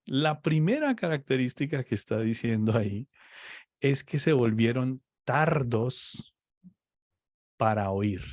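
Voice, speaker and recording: A man's voice: medium pitch, animated, a little mellow, no echo. A man teaching on faith in a conversation, explaining patiently and often checking "ok?" with his listener. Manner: slow, explaining, checks understanding with "¿ok?". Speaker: preacher.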